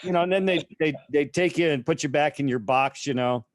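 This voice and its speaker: Halting male veteran guest, dry sound. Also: a little high, no echo. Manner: halting, filler-heavy recounting. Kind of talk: casual interview storytelling.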